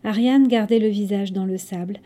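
A woman narrating a scripted story episode in a measured, dramatic way. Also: mid-range voice, fairly even intonation, mellow.

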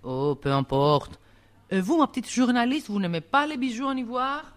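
A man's voice: very high voice, big pitch swings, moderate pace, fairly bright tone, full character voice. A student actor playing a greedy male poacher in a school radio play, wheedling and theatrical. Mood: sly. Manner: wheedling, theatrical villain voice with laughs. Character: greedy male poacher villain, mock-sweet.

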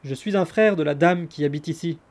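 A man's voice: on the high side, brisk, darkish tone, lightly acted. A man doing a desperate, cheated young merchant. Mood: pleading. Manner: pleading, lamenting.

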